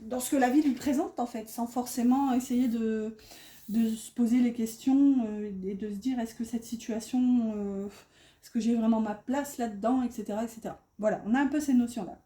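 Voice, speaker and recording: A woman's voice: a little high, fairly even intonation, normal speed, dark tone. A woman with a slight northern French accent giving a casual tarot reading to viewers, hesitant and full of fillers as she talks through each card. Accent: northern French (ch'ti). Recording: echoey room.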